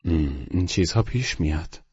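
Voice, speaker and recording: A man's voice: deep voice, lively intonation, darkish tone, husky, big-room sound, dull audio. A man voicing a smug, educated young man who drawls and sounds pleased with himself. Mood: friendly. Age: young adult. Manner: drawling, self-satisfied.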